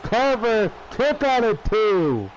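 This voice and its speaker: Guy calling a wrestling match, high voice, takes his time, restarts phrases, noisy background. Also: very animated, takes it slowly. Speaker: wrestling commentator. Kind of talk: wrestling play-by-play commentary. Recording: clear background noise.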